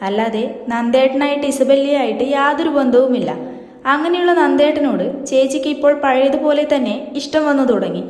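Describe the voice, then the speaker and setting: A woman's voice: high-pitched, a little fast, darkish tone, natural voice. A woman reading an earnest consoling young woman. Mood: coaxing. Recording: roomy with long reverb.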